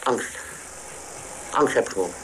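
A man in a radio interview whose voice is electronically distorted and pitch-shifted to hide who he is; he speaks hesitantly, with many halting restarts. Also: a bit bright, faint music behind. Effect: voice distorted to disguise identity, pitch-shifted. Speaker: interviewee, former patient.

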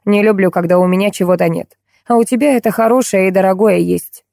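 A woman reading an audiobook voices a rude, boorish rich man who shouts and insults. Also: medium pitch, quick pace, vocal fry, no room sound, clean studio sound, natural voice. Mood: rude, demanding.

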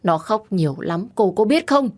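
A woman reading an audiobook gives voice to a furious, grieving young man who shouts harsh accusations. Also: lowish voice, fast, close to an everyday voice. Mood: furious shouting.

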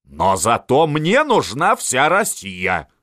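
Man doing a scheming old field marshal, barks orders, big swings of pitch, dry close sound. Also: wildly swooping pitch, takes it slowly, bright, forceful tone, no echo, full character voice. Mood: commanding. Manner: barking, domineering.

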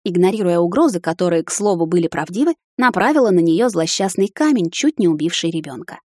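A woman giving measured first-person storybook narration. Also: lowish voice, animated, darkish tone, no echo, studio quality.

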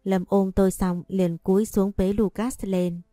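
Mellow-voiced woman reading a story. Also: mid-range voice, little pitch movement, a little slow, no echo, clean studio sound, faint music behind. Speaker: audiobook narrator. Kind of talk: first-person romance story reading.

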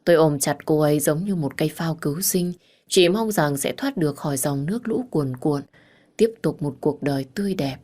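A woman narrating a romance story in the first person, calm and measured. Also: deep voice.

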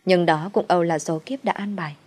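A woman tells a dramatic family story in the first person, calm and measured. Her voice sits on the low side. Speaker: narrator.

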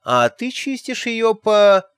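A man's voice: sits high, very animated, takes it slowly, smooth, no echo, clean studio sound, voice pushed up, full character voice. A man voicing a young queen, speaking in an offhand, breezy way. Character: calm eerie young queen, axe-wielding.

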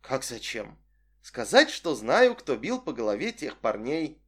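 A man reading an audiobook voices a manipulative young woman who speaks in a cool, flat, matter-of-fact way. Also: mid-range voice, a little slow, husky, exaggerated voice. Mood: insistent.

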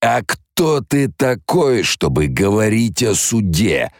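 A man puts on a possessed woman screeching in a tyrant's voice, strained and far above his own deep register. She barks orders in frantic, desperate bursts, with a grating edge to the sound. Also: sing-song, slow, no room sound, clean studio sound, heavily acted. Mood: scornful. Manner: frantic, commanding shouting. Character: possessed young woman shrieking in an old tyrant's voice.

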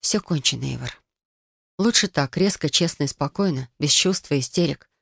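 A woman's voice: deep voice, moderate pace, creaky, a bit bright, husky, no room sound, studio quality. Woman narrating a novel in the first person. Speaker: audiobook narrator.

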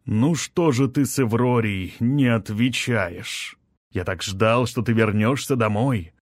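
A sneering villainous mage with a cold, mocking drawl, as a male audiobook reader puts him on. His voice sits at an ordinary middle pitch. The recording is close and completely dry. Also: no echo. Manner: mocking, drawn-out taunting speech.

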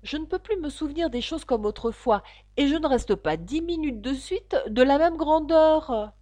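A woman's voice: sits high, animated, moderate pace, warm tone, no echo, pitched above the performer's own voice. Woman voicing a polite, flustered storybook girl. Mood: earnest. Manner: polite, earnest, a little flustered. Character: polite, confused young girl.

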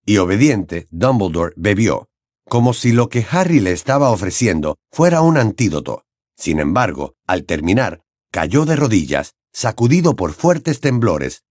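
A male audiobook narrator reading a fantasy novel in an expressive, dramatic way. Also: lowish voice, measured pace, no echo, clean studio sound. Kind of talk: scripted narration.

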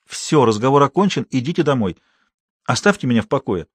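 A man's voice: mid-range voice, animated, a little fast, husky, no echo, clean studio sound. A man voicing a firm pregnant young woman. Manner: firm, refusing.

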